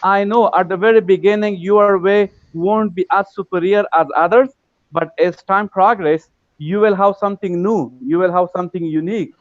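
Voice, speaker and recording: A man from Afghanistan, a university lecturer, speaking earnestly and politely in a casual online class, halting with many fillers. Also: high-pitched, fairly even intonation, no room sound. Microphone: video call. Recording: dull, dry online call audio.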